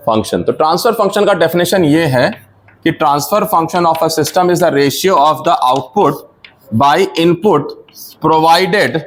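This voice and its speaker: A man teaching engineering in a classroom, explaining step by step, quizzing his students and mixing in English technical terms. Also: on the high side. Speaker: engineering lecturer. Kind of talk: classroom lecture.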